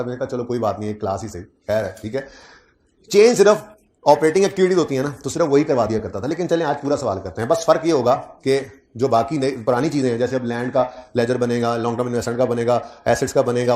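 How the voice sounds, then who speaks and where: Guy lecturing on accounts, ordinary pitch, asks the class for numbers and teases them. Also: darkish tone. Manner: teasing asides, quizzes students on figures.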